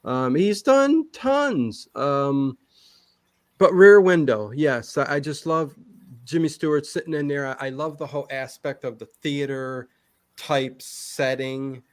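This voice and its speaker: A guest who creates an online show chats casually in an interview, his voice on the high side and the recording dry. He answers at length in a long-winded, halting way, often breaking off to restart his thoughts.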